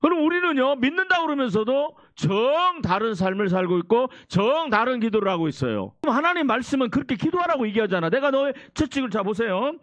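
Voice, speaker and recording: A man's voice: very high voice, very animated, brisk, few pauses, a bit bright, no room sound. A male pastor preaching a sermon with call-and-response, exhorting his congregation and prompting them to repeat after him and answer.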